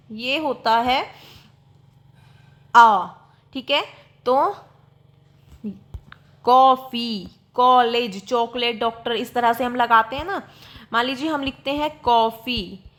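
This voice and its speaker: High, bright-voiced woman teaching. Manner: patient, repeats examples with frequent checks. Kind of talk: explaining a grammar lesson.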